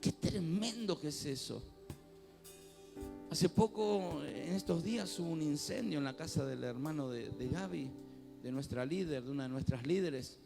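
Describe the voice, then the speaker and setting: Man, pastor, Rioplatense accent, high-pitched voice, conversational sermon, fervent swells, faint music behind. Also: moderate pace, vocal fry. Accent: Rioplatense Spanish. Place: church.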